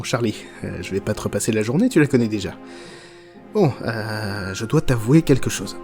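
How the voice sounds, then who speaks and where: Dude playing a sweary unhinged chocolate factory boss, rambly and offhand, mid-pitched voice. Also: male voice, lightly acted. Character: crude, foul-mouthed, unhinged chocolate factory owner. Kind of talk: comic parody storytelling.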